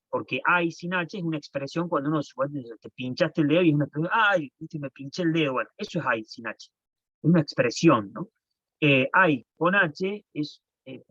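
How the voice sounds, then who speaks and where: A man teaches an online class over a video call, explaining patiently and often restarting his phrases. His voice is on the high side and a bit bright. The computer-mic audio is dull, dry and lo-fi.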